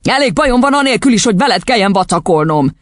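A woman's voice: mid-range voice, sing-song, no room sound, studio quality, pitched above the performer's own voice. Woman doing a barking, bullying dad. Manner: barking, curt orders. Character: gruff, bullying father, short-tempered.

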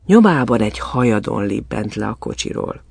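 A man reading a fairy tale aloud in an expressive, storytelling manner. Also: mid-range voice, no echo.

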